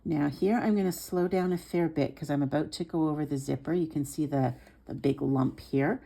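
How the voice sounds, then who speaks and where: A woman giving a step-by-step hands-on tutorial as an instructor, speaking in a careful, unhurried, informal and reassuring way. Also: low-pitched, warm tone. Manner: careful, unhurried, explaining each small step. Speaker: sewing instructor. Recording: some background noise.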